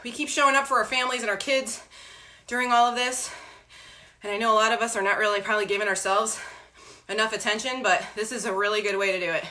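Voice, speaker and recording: A woman's voice: medium pitch, steady tone, quick pace, sharp tone. Breathless, echoey woman urging on a workout. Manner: urgent, encouraging gym-coach calls. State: out of breath from exercise. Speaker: fitness instructor leading a home workout. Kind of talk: live online workout coaching. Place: echoey indoor room with hard floor at home. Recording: very echoey room, faint noise.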